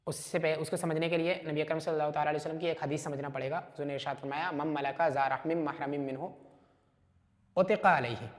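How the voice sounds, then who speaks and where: Male lecturer, higher voice, walks listeners through a text point by point, room reverb. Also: fairly bright tone. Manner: explains step by step, often checking "right?"; reads Arabic text then translates and explains it. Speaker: teacher. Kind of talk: lecture explaining a classical text.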